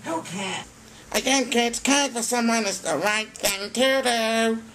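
A man's voice: very high-pitched, measured pace, a bit bright. A man voicing a brash, teasing sock puppet host in children's puppet show banter, exclamatory and sarcastic.

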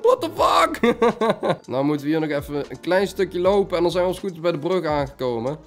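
A young man giving excited gameplay commentary, laughing often and dropping English slang. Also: a little high, fast, soft background music. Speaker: gaming YouTuber.

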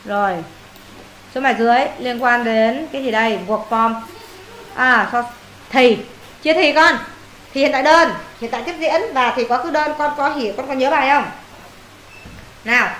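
A woman with a high, somewhat bright voice tutors a boy in English one-on-one at a moderate pace, leaving long pauses. She fires questions and scolds and teases his wrong answers, in an echoey room with faint ambience and a little hiss or hum.

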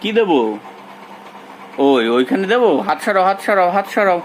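A woman's voice: medium pitch, very animated, moderate pace, slight background noise, low-quality recording. A woman vlogger making a casual family video and cheerfully coaxing a small child to play along.

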